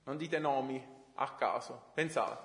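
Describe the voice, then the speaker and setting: A man teaching a lively class lecture, putting questions to his students. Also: medium pitch, measured pace, vocal fry. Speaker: religion teacher. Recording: echoey room, long reverb.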